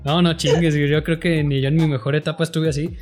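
A man's voice: a little high, fast, faint music behind. A Mexican man chatting casually about a video game, swearing freely and acting out his reactions as he tells it. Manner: slangy, profane, animated storytelling with acted-out reactions.

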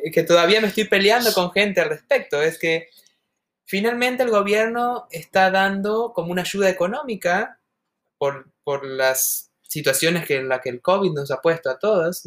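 Argentine woman co-host, earnest and reflective, lowish voice. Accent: Argentine Spanish, softened toward neutral. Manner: earnest, reflective, talks at length. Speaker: podcast co-host. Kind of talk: casual podcast conversation.

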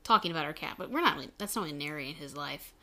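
A woman's voice: deep voice, expressive, rapid-fire, sharp tone. A young woman co-hosting a casual couples podcast, playful and teasing, chatty with lots of fillers. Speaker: podcast co-host.

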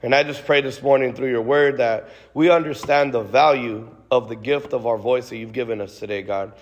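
A man preaches a sermon and prays aloud in a casual, conversational style, full of restarts and with "God" and "Lord" tags sprinkled throughout. His mid-range voice runs a little fast. The long reverb of a large hall surrounds him.

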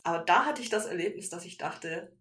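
A woman's voice: on the low side, animated, a little fast, a bit bright. A woman from Germany co-hosting a casual podcast, earnest and sharing personal anecdotes. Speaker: podcast co-host. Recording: echoey room.

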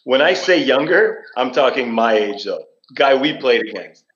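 A man's voice: mid-range voice, very animated, moderate pace, fairly bright tone. A man talking about sports in a casual, blunt, storytelling way, his microphone sounding like he is in a cave. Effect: cave-like echo on his microphone. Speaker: former player, podcast co-host. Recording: echoey, dull remote mic.

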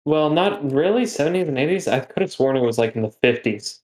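A young man on a podcast, joking in a stiff, pseudo-formal deadpan. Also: a little high, a little fast. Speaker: podcast co-host. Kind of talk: casual chat.

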